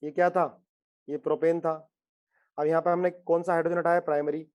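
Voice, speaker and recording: A man's voice: fairly high pitch, level tone, brisk, a little mellow. Coaxing man teaching a chemistry class. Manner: coaxing, repeats questions to students. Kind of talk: classroom lecture.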